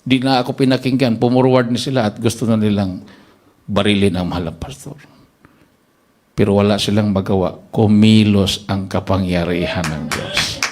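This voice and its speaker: A man with a Filipino accent preaching a sermon, telling a testimony and acting out the voices of the people in it, his pitch jumping up on exclamations. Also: a little fast, long pauses, slight background noise. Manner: animated storyteller acting out quoted voices, pitch leaping up in exclamations.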